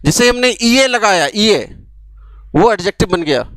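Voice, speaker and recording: High-voiced man teaching grammar to camera. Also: expressive, normal speed, a bit bright, no room sound. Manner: explains by asking questions and answering them. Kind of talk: classroom lecture to camera. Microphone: camera mic, recorded for an app course.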